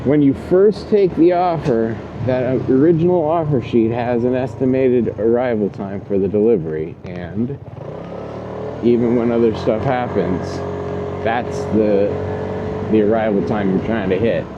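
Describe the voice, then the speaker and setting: A man with a mid-range voice talks casually to his viewers while riding a scooter on a delivery run. He rambles and thinks out loud. The audio is dull, with loud outdoor traffic noise behind him. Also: mid-range voice, a little slow. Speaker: delivery rider hosting his own video channel. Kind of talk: casual vlog chat while working.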